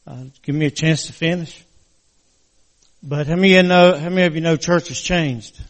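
An older man from West Virginia preaching a church sermon in an earnest, halting, folksy way, his words slightly slurred from a crooked, post-surgery mouth. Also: fairly high pitch, long reverb tail.

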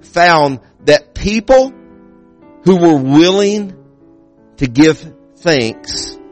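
High-pitched preaching pastor, a man. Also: expressive, extremely slow, soft background music. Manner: preaching with rising emphasis and repetitions. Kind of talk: sermon. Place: church.

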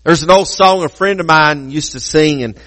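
A man preaching a communion sermon, emphatic, slowing down to repeat key phrases and adding playful asides to the congregation. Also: fairly high pitch, fairly bright tone, big-room sound, rough recording. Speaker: pastor.

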